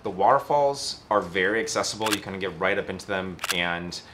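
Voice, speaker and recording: A man's voice: low voice, animated, brisk, background noise. A man in his thirties chatting casually as a travel vlogger, seated outdoors by a camper in an easygoing, lightly joking way. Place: outdoors beside a camper trailer.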